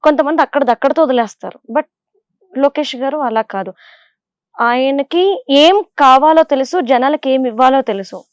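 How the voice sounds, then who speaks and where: A young woman with a Godavari Telugu accent answers interview questions in a chatty, animated way, her voice sitting a little high. The sound is dry and close, with no room echo. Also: moderate pace. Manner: chatty and animated, with frequent fillers. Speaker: serial actress, interview guest.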